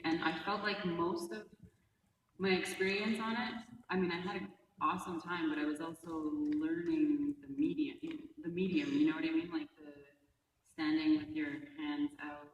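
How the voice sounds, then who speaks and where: Animated actress on an echoey panel. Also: female voice, lowish voice, moderate pace, a little hiss or hum. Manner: animated, acts out the motion capture routine. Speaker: video game actor on a panel. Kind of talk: casual panel talk. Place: large convention panel room. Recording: echoey hall, voice from a distance.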